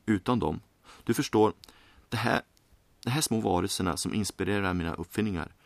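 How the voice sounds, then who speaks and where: A man voicing an eccentric male inventor in a read-aloud story, warm and confiding, with a vague Eastern European and American lilt. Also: lowish voice, gravelly, no echo. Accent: faint, vague Eastern European and American.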